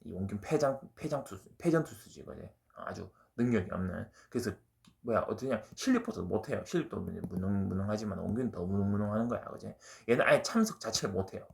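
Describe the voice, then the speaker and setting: Male lecturer, gravelly voice, quick delivery, chatty exam-prep lesson. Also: lowish voice, lively intonation. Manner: chatty, keeps asking "right?" and drops into slang. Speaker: Korean literature lecturer.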